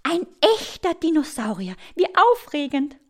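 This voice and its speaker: A woman's voice: a little high, big pitch swings, normal speed. A woman playing an eager little girl. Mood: excited. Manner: eager, bright. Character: curious excited young girl explorer.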